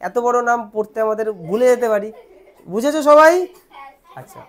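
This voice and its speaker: Bengali woman teacher explaining lesson. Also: on the high side. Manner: asks questions and answers them herself, repeats words slowly.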